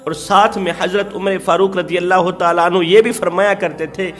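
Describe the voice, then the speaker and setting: A male preacher delivers an emotional story sermon in a high, ringing voice. He repeats phrases for emphasis with mounting passion. Faint music plays underneath. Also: steady tone, fairly bright tone.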